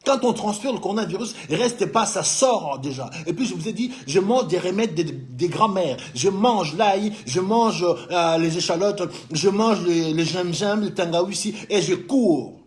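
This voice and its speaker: A man's voice: sits high, animated, a little slow, hardly any pauses. A man from Congo who runs a business in France, giving heated political commentary and scolding a president he addresses directly. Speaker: business owner living in France.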